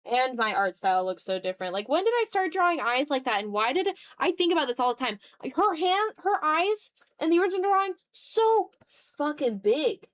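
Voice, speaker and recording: Very animated and brisk, this high-voiced woman is a streamer making casual conversation during a drawing livestream. She thinks aloud with hesitation and self-deprecation.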